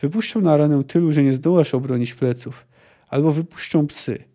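A man reading aloud, voicing a stone-faced male swordsman who speaks quietly and ominously. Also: a little high, a little fast, natural voice. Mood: grim. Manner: quiet, menacing.

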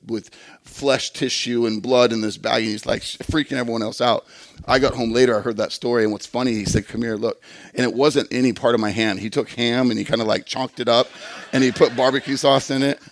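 Guy preaching a sermon, kinda gravelly, talks easy and earnest, dry sound. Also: medium pitch, fairly even intonation, fast, no echo. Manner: earnest, conversational preaching with repetitions. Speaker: pastor.

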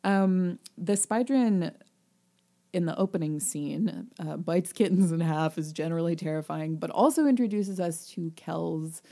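A woman's voice: on the low side, a little slow, gravelly, warm tone. A woman co-hosting a casual book podcast, chatty and thinking aloud with frequent ums. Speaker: podcast co-host.

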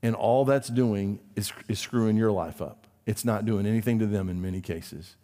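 Preaching man in a reverberant hall. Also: normal speed. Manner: preacherly, rising to emphatic peaks then dropping low and quiet. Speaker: pastor. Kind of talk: sermon. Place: church sanctuary.

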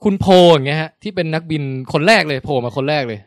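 A man co-hosting a casual review chat, animated, leading the discussion and laughing often. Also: a little high, fast. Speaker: podcast co-host reviewing a film.

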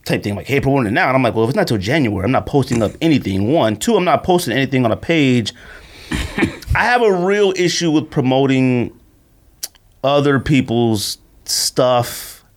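A podcast co-host chats casually and tells stories in slangy, animated speech, acting out the things people said. His voice is medium-pitched and his pace moderate.

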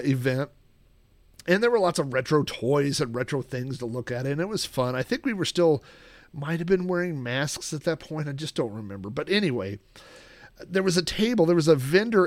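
Middle-aged male host, slightly high voice, rambling and casual, dry close mic. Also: no echo. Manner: rambling, many ums and restarts. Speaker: podcast host. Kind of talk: casual solo chat.

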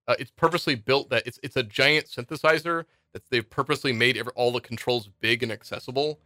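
Man, podcast co-host, casual rambling recap, bright tone, dry close sound. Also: mid-range voice, quick pace, dry recording. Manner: rambling plot recap, heavy on "like". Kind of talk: casual chat.

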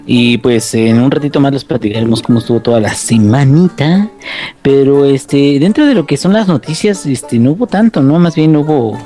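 A man's voice: medium pitch, expressive, normal speed, warm tone. A man with a Mexican accent telling casual, rambling stories full of slang and swearing. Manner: rambling, slangy, profane, jokey. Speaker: podcast co-host. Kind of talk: casual storytelling chat. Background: background music.

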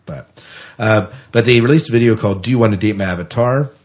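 Talking fast in a voice on the low side, this American man co-hosts a podcast and runs through sci-fi news in a relaxed, chatty way.

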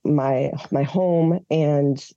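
A woman's voice: low-pitched, extremely slow, mellow, dry recording, highs cut off. A woman from Minnesota, a podcast guest, telling her personal story in an open, earnest way with fillers and restarts. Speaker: podcast guest, advocacy founder. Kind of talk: candid personal storytelling in an interview.

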